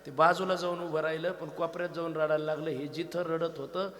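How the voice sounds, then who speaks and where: A man preaching a devotional kirtan with a Marathi accent, telling stories in an animated way, acting out the dialogue and breaking into loud bursts. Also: fairly high pitch, fairly quick, in a large hall. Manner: animated, acts out dialogue with laughing asides and sudden loud bursts. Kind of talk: devotional kirtan sermon with storytelling.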